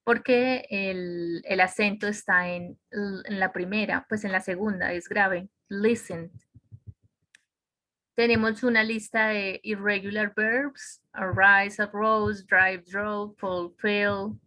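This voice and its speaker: A woman's voice: mid-range voice, fairly even intonation, slow, pushed and bright. A woman teaching an online English grammar class, explaining step by step and checking in with her students. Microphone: computer microphone on a video call.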